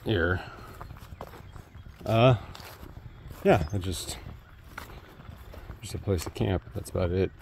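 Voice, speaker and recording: A man's voice: deep voice, slow, creaky, pauses often, darkish tone, slight background noise. A man in his thirties vlogging casually while hiking a wooded trail, rambling and trailing off with fillers, recorded on an earbud mic with the phone at arm's length. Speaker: thru-hiker vlogger.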